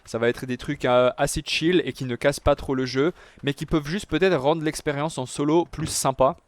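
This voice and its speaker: A young gaming YouTuber chats casually through a let's-play, calling his viewers "les gars" often and using plenty of fillers. His voice is fairly high with a steady tone and moderate pace, and the recording has no room sound.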